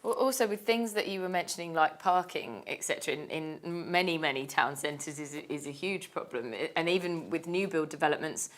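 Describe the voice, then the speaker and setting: A woman presents a studio panel show and reads out viewer questions. Her voice sits a little low, and her manner stays friendly and easy. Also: fairly quick, few pauses. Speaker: TV show host.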